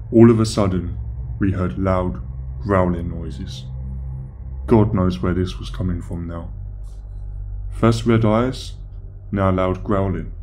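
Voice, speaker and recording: A man narrating a first-person horror story in a slow, measured, somber delivery. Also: low-pitched, darkish tone, slight background noise.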